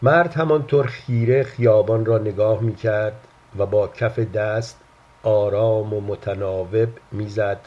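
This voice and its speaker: A man reading a literary story aloud in a calm, measured, quiet way. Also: on the low side. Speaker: narrator. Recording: dull lo-fi recording.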